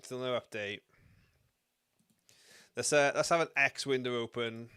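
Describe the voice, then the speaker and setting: A man from the Welsh Valleys hosts a casual live stream. His voice is clear and smooth, recorded dry and close, and he talks in a loose, chatty, sweary style with a Valleys accent. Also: mid-range voice, measured pace, sharp tone, no room sound. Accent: South Wales Valleys. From Wales. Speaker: livestream host. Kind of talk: casual live stream chat, reacting to news.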